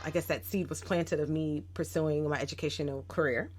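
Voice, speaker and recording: A woman in her thirties, a guest educator on a casual podcast, tells stories reflectively in a low voice with a breathy edge, speaking a little fast. She grows animated whenever she quotes other people.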